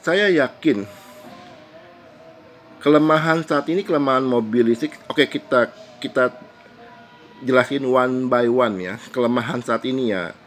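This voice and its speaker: A man's voice: medium pitch, faint music behind. A man vlogging casually to his viewers with a stuffy, congested nose from a cold, chatty and repeating himself. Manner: chatty, repeats himself, slow deliberate counting. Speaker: YouTube vlogger. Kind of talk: casual monologue to camera.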